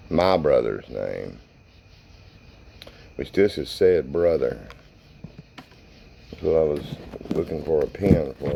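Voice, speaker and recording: Very deep, slow-talking man, spirit box session. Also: gravelly, highs cut off, slight background noise. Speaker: paranormal investigator hosting a spirit box session. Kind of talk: casual narration to camera and questions to spirits.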